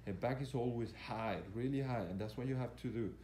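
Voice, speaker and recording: A male fitness coach commentates on an exercise demonstration from behind a handheld camera in an echoey gym. He instructs hesitantly, often repeating phrases, at a middling pitch, with faint noise in the background. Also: a little fast, mellow. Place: indoor gym. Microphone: handheld camera operated by the speaker.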